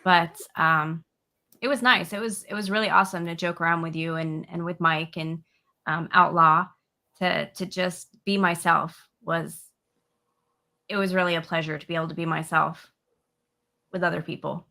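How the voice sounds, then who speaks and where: A woman's voice: fairly low pitch, fairly even intonation, normal speed, vocal fry, sharp tone. A woman hosting an interview, talking in a frank, outspoken, casual way. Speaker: host.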